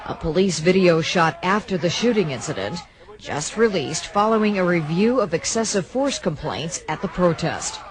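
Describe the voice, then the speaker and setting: A man's voice: high voice, animated, moderate pace. A man reading scripted news narration as a reporter. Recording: news clip with loud crowd noise.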